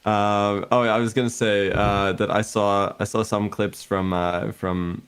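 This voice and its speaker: A man chatting casually as a guest on a stream, easygoing and admiring, in halting phrases. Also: fairly low pitch, flat delivery, a bit bright, clean tone. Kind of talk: casual chat.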